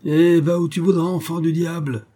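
Guy doing a furious old farmer, yelling and sputtering, raspy and dark. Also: fairly low pitch, flat delivery, fairly quick, natural voice. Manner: shouting, stammering with rage.

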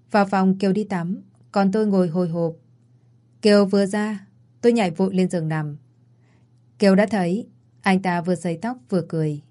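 A woman's voice: mid-range voice, warm tone. A woman narrating a romance story, reading every character's lines in her own voice. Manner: reads all characters in one voice.

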